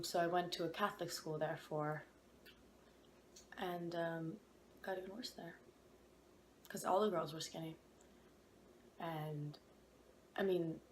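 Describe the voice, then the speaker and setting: A woman in her twenties from Ukraine speaks candidly about her past, thinking aloud with small hesitations. Her voice sits a little low and carries the echo of a bare room, with faint noise behind it. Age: 20s. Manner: candid, reflective, with hesitant fillers. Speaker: interviewee. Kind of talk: personal testimony.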